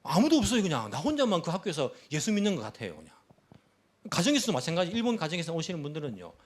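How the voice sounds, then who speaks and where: Animated Korean pastor preaching. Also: male voice, fairly high pitch. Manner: impassioned preaching, swinging from loud exhortation to hushed prayer. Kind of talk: sermon and prayer. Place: church sanctuary.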